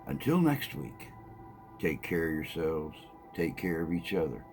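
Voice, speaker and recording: A man hosting a paranormal podcast, speaking slowly and deliberately with dramatic pauses. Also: extremely low pitch, very animated, a little mellow, soft background music. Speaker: podcast host. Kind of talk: slow reflective podcast narration.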